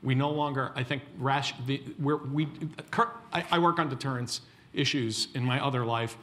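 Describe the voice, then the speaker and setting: A man's voice: medium pitch, steady tone, moderate pace, fairly bright tone. A man speaking as a panelist, thinking aloud with frequent restarts and stammered openings. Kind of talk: panel discussion answer.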